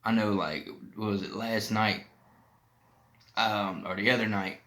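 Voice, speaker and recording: A man shares a personal experience in a plain-spoken, informal vlog, explaining things in a loosely rambling way while struggling somewhat to talk through a painfully swollen mouth. His voice is fairly low and fairly bright, with a level tone and unhurried pace.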